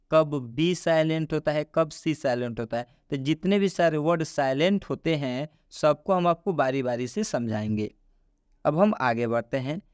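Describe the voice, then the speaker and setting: Smooth-voiced man teaching slowly. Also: on the high side, darkish tone, no echo, studio quality. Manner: slow, repetitive, asks the listener questions. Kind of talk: explanatory classroom lesson.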